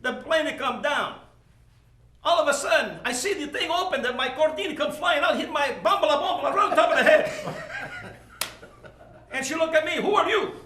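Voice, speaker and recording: Brief: man voicing an accordion man, high bright tone, laughs through stories, roomy stage. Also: fast talker. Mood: joking. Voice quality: broken English, chuckling storyteller. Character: talkative older Italian male accordion player. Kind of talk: comic monologue.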